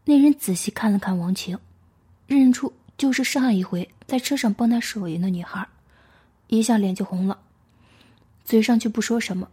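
Storyteller: woman, breathy and mellow, reads in a hushed half-whisper. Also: a little high, normal speed. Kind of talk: story reading.

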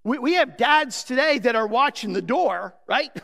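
A man preaching a sermon as pastor, emphatic and posing rhetorical questions to the congregation, often drawing phrases out slowly. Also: very high-pitched, animated, vocal fry, a bit bright. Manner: emphatic, with slow drawn-out phrases. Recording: long reverb of a large hall.

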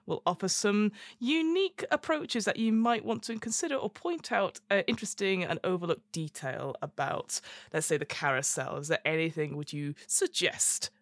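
A woman's voice: medium pitch, normal speed, hardly any pauses, no room sound. A woman chatting casually as a tabletop game player, improvising in a giggly, hesitant way.

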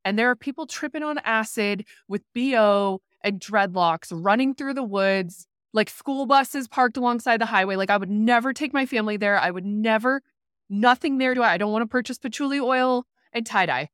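A woman's voice: fairly high pitch, normal speed, a bit bright, smooth, no room sound, studio quality. A woman who is a podcast guest tells a candid story in conversation. She speaks animatedly, uses a lot of "like" fillers and acts out quotes. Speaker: podcast guest, rural entrepreneur.

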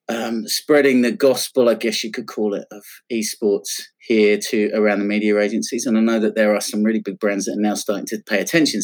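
A man hosting an interview podcast. He speaks in a friendly, self-deprecating way, with frequent restarts and fillers. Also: mid-range voice. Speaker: podcast host.

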